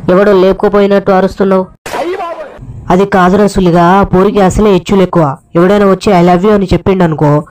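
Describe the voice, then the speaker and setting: A crude, cheeky young man with a Telangana accent, voiced by a woman, trades rough banter and wheedles for money. The voice sits low for a woman, with a faint hiss behind it. He swings between rough jokes and coaxing pleas. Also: a little mellow, close to an everyday voice, low-quality recording. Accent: Telangana Telugu.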